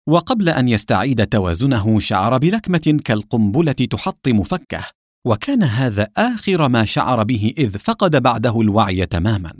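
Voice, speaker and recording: A man narrating a thriller audiobook in a dramatic, expressive style. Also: medium pitch, fairly quick, dry recording, clean studio sound.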